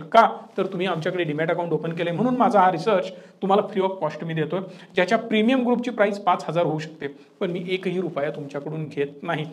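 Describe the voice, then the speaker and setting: A man's voice: sits high, a little mellow. A man giving an emphatic, lecturing talk on trading, addressing viewers directly and mixing in English terms. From Maharashtra, India. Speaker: trading educator.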